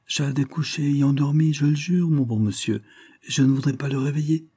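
A man's voice: fairly high pitch, brisk, mellow, breathy edge, pitched above the performer's own voice. A man voicing a sly, lying old peasant widow who whines and pleads. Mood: whining pleading.

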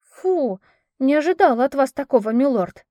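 A woman reading an audiobook, voicing a cheeky young maid in a high, excited pleading voice. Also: normal speed, no room sound. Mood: pert.

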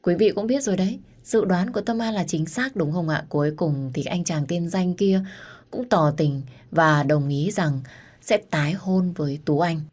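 Low-voiced woman story narrator. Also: moderate pace, a little mellow. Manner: intimate, earnest, addresses listeners directly. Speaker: storyteller host.

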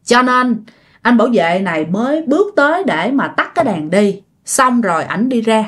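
A woman with a Southern Vietnamese accent tells ghost stories in a relaxed, conversational way. Her voice sits fairly high and moves up and down in a lively manner. She often speaks straight to her listeners as she goes. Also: moderate pace, breathy edge. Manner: chatty, addresses listeners directly. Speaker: storyteller. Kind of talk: casual ghost-story narration.

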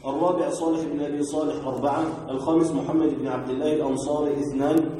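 A man, a student in a lesson, reading a classical text aloud in a steady recitation of names and lists. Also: on the high side, rapid-fire. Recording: very echoey hall with faint noise.

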